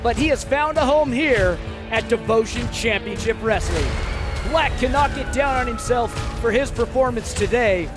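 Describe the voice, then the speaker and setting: A man giving live wrestling commentary as a booming, pumped-up announcer who often shouts. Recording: loud crowd and music behind. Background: cheering crowd, music, ring slams.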